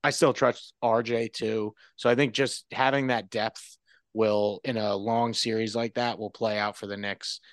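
A man, a guest sportswriter, chatting casually on a podcast in a relaxed, rambling way with frequent restarts. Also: lowish voice, measured pace, dry recording.

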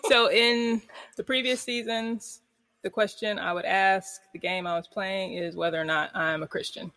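A podcast host asking questions in a relaxed, self-deprecating way with halting restarts. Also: male voice, sits high, long reverb tail. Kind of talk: casual podcast conversation.

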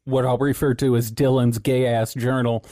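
Laid-back, profane man with a mellow voice. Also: mid-range voice, level tone, normal speed, no echo, studio quality. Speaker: podcast co-host presenting research notes. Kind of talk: casual podcast chat.

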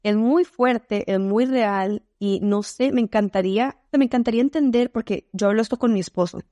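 A woman from Costa Rica with a Costa Rican accent, a podcast guest telling her story in a candid, animated way. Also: on the high side, moderate pace, no echo, lo-fi sound. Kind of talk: casual podcast conversation.

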